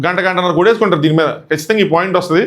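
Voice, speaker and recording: Male reality-show reviewer, Telugu accent, rapid animated delivery, slightly higher voice. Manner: animated, acts out contestants' quotes in shifting voices. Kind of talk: casual solo recap.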